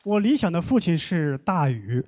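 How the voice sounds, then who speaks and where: High, lively-voiced male stand-up comic. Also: normal speed, over a noisy crowd. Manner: deadpan storytelling, mock complaints. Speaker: stand-up comedian. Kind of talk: stand-up comedy set. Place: comedy stage with live audience. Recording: noisy live show audio.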